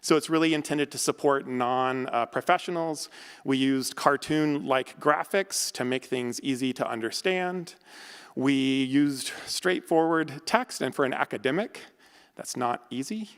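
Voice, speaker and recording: A man's voice: medium pitch, measured pace, fairly bright tone, clear, resonant tone. A man giving a conference talk as an academic researcher, conversational, with frequent fillers and self-corrections. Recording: long hall reverb.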